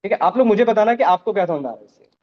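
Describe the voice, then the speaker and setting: A man with a fairly high voice teaches a live coding class. He walks through each step and keeps checking that his students follow. The recording sounds dull and lo-fi. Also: lively intonation, rapid-fire. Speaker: programming teacher.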